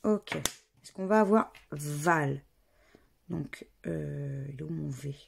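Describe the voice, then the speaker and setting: A woman's voice: deep voice, slow pace, vocal fry, husky. A woman, casually commenting as she scratches lottery tickets and spells out letters and words one by one. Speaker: scratch-card vlogger.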